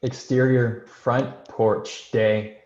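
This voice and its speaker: A man with a mid-range, slightly dark voice reads with a flat delivery at an extremely slow pace. He serves as host and stage-direction narrator, reading scripted introductions and screenplay narration through a roomy, dull-sounding microphone.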